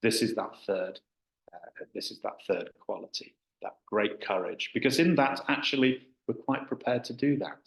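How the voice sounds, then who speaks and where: A man's voice: mid-range voice, expressive, moderate pace, vocal fry, a bit bright. A man, a Buddhist teacher, giving a dharma talk in a hesitant manner with frequent fillers and restarts. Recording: echoey hall.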